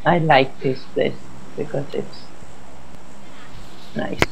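A sleepy gamer with talks very slowly in a creaky voice. The chat is casual, with faint noise and keyboard clicks behind it. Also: medium pitch, little pitch movement, low-quality recording.

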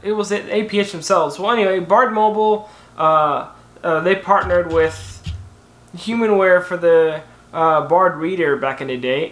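A young tech vlogger with a high-sitting, fairly bright voice rambles casually through a tech recap on his channel, often correcting himself and using many fillers. He is indoors in front of a banner, and the room sounds echoey.

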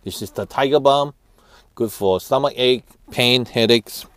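A man in his thirties giving family road-trip tips in a casual, halting way, with many fillers and restarts, recorded on a lapel mic. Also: medium pitch, noisy background. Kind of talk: casual how-to talk. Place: office room, then parked car.

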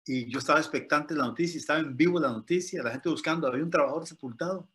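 A man's voice: fairly high pitch, rapid-fire, a bit bright, slightly rough. A man from Rica, telling a dramatic story as a motivational speaker. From Costa Rica.

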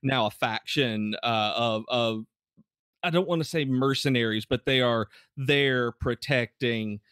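Man, game master, casual tabletop narration, frequent fillers, mid pitch, dry sound. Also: measured pace, a bit bright, clean tone, no room sound.

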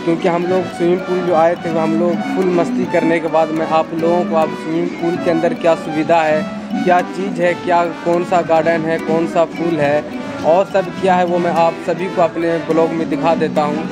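A young man with a Bihari Hindi accent, excitedly giving a walk-around tour in a casual vlog, filmed outdoors on a phone at arm's length. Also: fairly high pitch, fairly quick. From Bihar, India. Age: young adult. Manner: excited tour-guide talk, keeps pointing things out. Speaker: travel vlogger. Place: outdoor hotel pool and garden. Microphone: phone at arm's length with clip-on mic. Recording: outdoor clip with loud crowd and music. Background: loud crowd and music.

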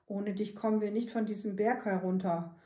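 A woman reading the lines of a young boy adventurer in a children's book, in an earnest, gently pleading way. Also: medium pitch, fairly even intonation, normal speed, reverberant, lightly acted.

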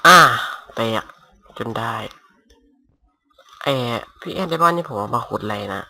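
A young man casually commentating his Minecraft game at home on a headset mic, talking softly and rambling. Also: medium pitch, expressive, measured pace. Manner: rambling, talks softly to avoid disturbing neighbors. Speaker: gaming YouTuber. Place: home room. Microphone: cheap gaming headset mic.

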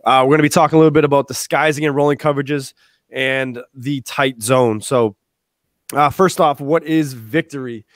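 A man's voice: medium pitch, no room sound. A young man hosting a live football coaching clinic on a video call, talking casually with many fillers, through an earphone mic. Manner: relaxed, quick, lots of fillers and restarts. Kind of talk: casual live-stream presentation. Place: small room at home.

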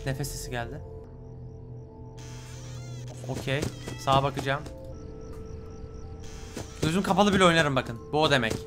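A young man commenting on a horror game as he plays, swearing often, muttering quietly in tense moments and shouting when startled. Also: mid-range voice, lively intonation, measured pace, pauses often. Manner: swears a lot, hushed when tense, bursts loud. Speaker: gaming YouTuber. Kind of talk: let's play commentary. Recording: music behind voice.

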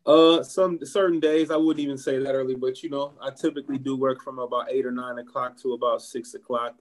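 A man's voice: medium pitch, fairly quick. A man who owns a barbershop and is from Ohio, talking casually in an interview and giving encouraging advice while calling people "man" a lot. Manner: relaxed, says "man" often, motivational. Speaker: barbershop owner, guest.

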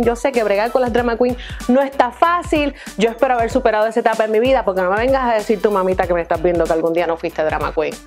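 A young woman, hosting a playful comic countdown monologue in a teasing, animated manner. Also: on the high side. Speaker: vlogger host. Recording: music bed under voice.

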